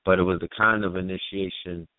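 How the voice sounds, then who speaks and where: Deep-voiced man in his forties on a phone line. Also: level tone, brisk, no echo. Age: 40s. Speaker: radio show host. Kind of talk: casual radio talk. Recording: dry phone-line call audio.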